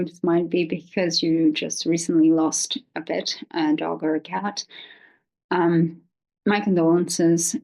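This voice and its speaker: A woman talking informally to viewers as a video host, consoling and reassuring, with a hesitant, halting delivery. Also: lowish voice, vocal fry, darkish tone, low-quality recording. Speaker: video host giving pet-loss advice. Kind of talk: informal, unscripted talk to viewers.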